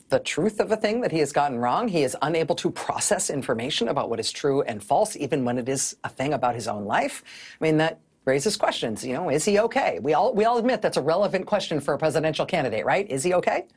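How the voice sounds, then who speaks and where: A woman's voice: low voice, sing-song, fairly quick, husky. A middle-aged woman hosting a televised news commentary, speaking in a wry, sardonic way on a studio mic. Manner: wry, sardonic, often laughing mid-sentence.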